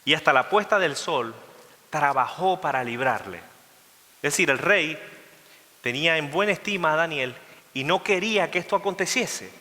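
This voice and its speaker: A male pastor preaching a sermon, retelling a scripture story in a lively way and asking the congregation questions. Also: a little high, normal speed. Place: church sanctuary. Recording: long church reverb.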